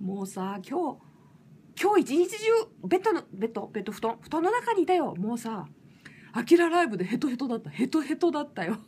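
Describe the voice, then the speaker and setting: Lively woman chatting on a late livestream. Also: high-pitched, quick pace. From Fukushima. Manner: lively, rough casual speech with frequent laughs. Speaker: singer livestreaming. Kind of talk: casual late-night livestream chat.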